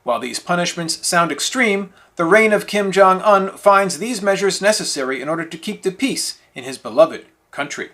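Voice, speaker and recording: A man's voice: high voice, lively intonation, moderate pace, hardly any pauses, a bit bright. A man reading scripted mock news as a parody news anchor, in a formal, straight-faced delivery.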